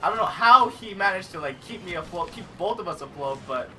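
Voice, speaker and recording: A young man in casual gaming chat, telling a story with animation and acting out his own panicked shouts. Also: high voice, lively intonation, a little fast. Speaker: cast member telling a story. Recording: voice a little distant from the mic, faint hiss.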